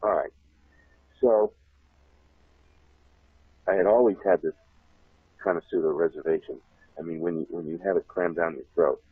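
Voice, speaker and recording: A man telling a long childhood story on a talk show, animated and laughing often. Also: sits low, moderate pace, pauses often, slightly rough, dry recording. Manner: animated, laughs often, acts out shouted voices. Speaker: guest telling a life story. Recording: tinny phone line.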